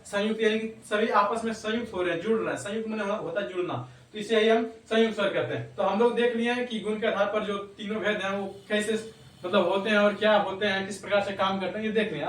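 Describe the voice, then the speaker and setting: With a high-pitched voice, a man walks his class through grammar step by step, pausing with a repeated "ठीक ना" to check on students and sometimes laughing at himself. Faint noise, room echo, and a distant microphone mark the recording.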